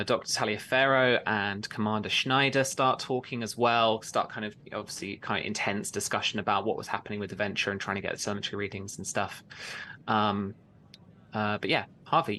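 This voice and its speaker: Bright-voiced man running a tabletop game. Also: on the low side, a little hiss or hum. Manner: loose, hedging narration full of fillers. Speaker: game master.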